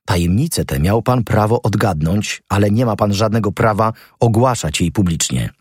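A man's voice: fairly low pitch, animated, moderate pace, darkish tone, husky, no room sound, clean studio sound, voice pushed up. A man voicing a cold, commanding male master thief in an audiobook reading, speaking sternly and threateningly. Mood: insistent.

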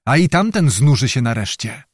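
A man's voice: mid-range voice, sing-song, moderate pace, slightly rough, no echo, clean studio sound. Man doing a hearty old nobleman. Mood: hopeful. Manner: hearty, old-fashioned courtly speech. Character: boisterous old nobleman, jovial and emotional.

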